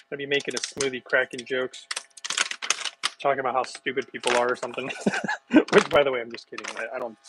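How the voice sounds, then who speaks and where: Making a smoothie in his home kitchen, a middle-aged wellness vlogger chats casually with livestream viewers, rambling from one thought to the next. His voice sits in the mid range, and the recording is very noisy.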